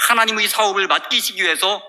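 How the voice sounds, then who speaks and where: Man, pastor, sermon, storytelling, bright forceful tone, high-ish pitch. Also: fast talker. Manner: storytelling with many fillers and restarts. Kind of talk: sermon retelling a Bible story.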